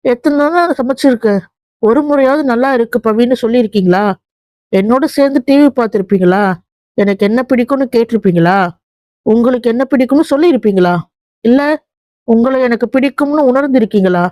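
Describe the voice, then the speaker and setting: A hurt young wife, as a woman reading an audio novel plays her lists her complaints in a steady run of pointed questions. The voice sits fairly high. The sound is dry and close. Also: a little fast, no echo, natural voice. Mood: reproachful. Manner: reproachful string of questions.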